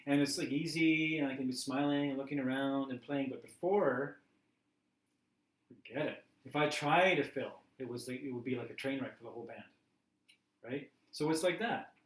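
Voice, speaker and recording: Laughing and chatting, a man teaches his class by acting out everyday scenes as examples. His mid-range voice moves at a moderate pace, and the casual teaching talk is picked up from a distance in a roomy room.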